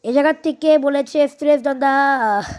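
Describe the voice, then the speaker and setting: A woman teaching a video lesson, explaining carefully with frequent hesitations and reading English lines slowly. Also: high-pitched, a little mellow.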